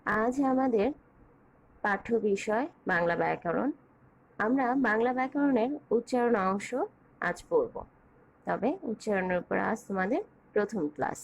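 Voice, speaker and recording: A woman teacher giving an online grammar lesson, speaking in a measured, clear way as she lists points and spells out examples. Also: mid-range voice, rough recording.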